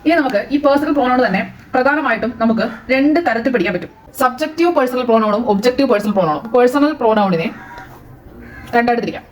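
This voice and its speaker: Speaking very fast, a woman teacher with a Malayali accent works through a grammar lesson in a slightly high, expressive voice. She poses questions to the class, answers them herself, and mixes English phrases into her explanation, with slight background noise present.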